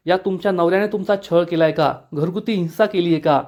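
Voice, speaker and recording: A man's voice: sits high, brisk, darkish tone. A man reading a firm police inspector. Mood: commanding. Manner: formal, commanding. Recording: dull lo-fi recording.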